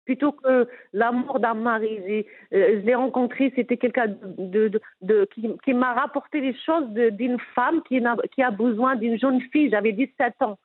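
A middle-aged businesswoman whose first language is Moroccan Arabic tells her life story in a candid personal interview, with a Moroccan accent. Her husky, high-leaning voice runs at normal speed with hardly any pauses, earnest and emphatic and full of restarts. The recording sounds phone-like and narrow-band.

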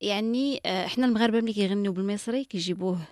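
Fast Moroccan woman interviewer, dry. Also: mid-range voice, a little mellow, no room sound. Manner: probing, quick follow-ups. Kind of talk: interview questions.

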